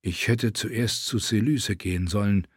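A man's voice: fairly low pitch, a little slow, slightly rough, dry recording, clean studio sound. A man playing a grim young commander. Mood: grave.

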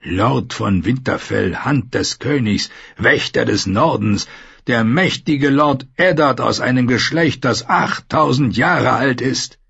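A man reading an audiobook, voicing a scarred, brutal warrior who talks in a gruff, scornful, growling way. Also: mid-range voice, slow pace, a bit bright, no room sound, lo-fi sound, full character voice. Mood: menacing. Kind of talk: audiobook character voice.

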